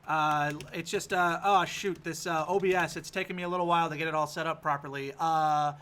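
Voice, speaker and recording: A man's voice: on the high side, fairly even intonation, a little fast, bright, forceful tone, clear, resonant tone. A man chatting casually as a tabletop game player, rambling and jokey, with hesitant stops and starts. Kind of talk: casual improvised chat.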